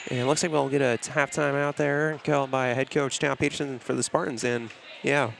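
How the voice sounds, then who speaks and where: Guy doing play by play at a school basketball game, pretty monotone, loud gym noise and balls bouncing all over. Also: mid-range voice, gravelly. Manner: brisk, steady, repeats "it's gonna be". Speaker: play-by-play announcer. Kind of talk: live basketball commentary. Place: school gymnasium during a game.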